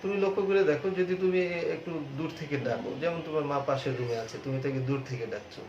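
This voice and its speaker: Male teacher lecturing, slow drawn-out example words, roomy classroom echo, kinda muffled. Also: on the high side, animated. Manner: explains slowly, repeats and stretches example words. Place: classroom with a board. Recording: echoey room, dull sound, faint hiss.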